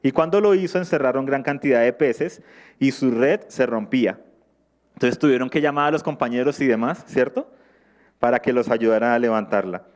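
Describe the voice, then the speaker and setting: A man's voice: medium pitch, normal speed. A male preacher teaching from the Bible in a sermon, reading scripture aloud and asking his listeners questions before answering them.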